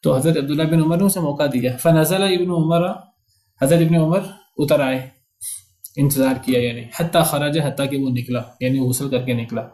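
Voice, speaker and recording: A man's voice: fairly high pitch, mellow, roomy sound. A man teaching a religious lecture. He reads short Arabic passages and explains each word in turn. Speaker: hadith teacher.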